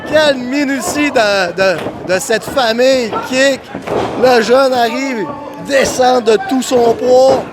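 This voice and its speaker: Male wrestling commentator, very high voice, unhurried pacing, excitable exclamations, live play-by-play, crowd noise behind. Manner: excited, exclamatory, often shouting. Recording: noisy crowded venue, loud crowd behind. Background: crowd and event noise.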